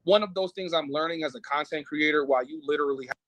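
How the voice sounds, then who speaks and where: A man's voice: on the high side, quick pace, fairly bright tone, dry recording. A man who is a content creator, talking casually on a stream and hesitating with many fillers.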